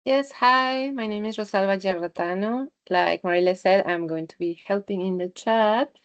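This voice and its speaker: A woman's voice: medium pitch, moderate pace, no echo. Friendly woman from Mexico City, muffled sound. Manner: friendly, light laugh. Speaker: science outreach coordinator. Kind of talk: brief self-introduction.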